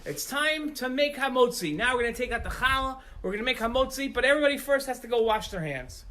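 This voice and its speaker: A man voicing a wise old rabbi in a children's story, speaking with lively emphasis. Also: extremely high pitch, quick pace, voice pushed up, exaggerated voice. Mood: coaxing. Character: wise old male rabbi, calm and sharp-eyed.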